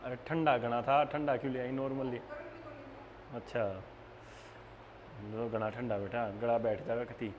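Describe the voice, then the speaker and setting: A young man with a Haryanvi accent teaches a nursing exam class to online students, joking and chatting and calling them "beta." His mid-range voice is level and measured, with frequent pauses. The classroom recording is muffled, with long reverb and faint background noise.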